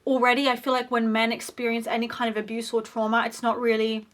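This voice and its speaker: A woman's voice: on the high side, level tone, fast, fairly bright tone. A young woman giving an opinionated, casual commentary on a TV series, talking in a chatty way with lots of "like" fillers. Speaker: video essayist.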